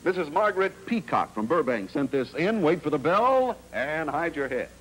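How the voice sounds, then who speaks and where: A man's voice: on the high side, sing-song, normal speed, slight background noise, poor audio. A man hosting a vintage TV game show, breezily explaining the rules.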